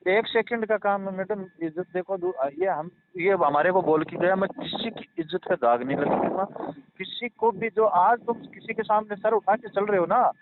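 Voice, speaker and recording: This man's voice is high and his speed is normal. On a casual phone call that sounds tinny with a little background noise, he keeps explaining and reassuring in an earnest, rambling, repetitive way.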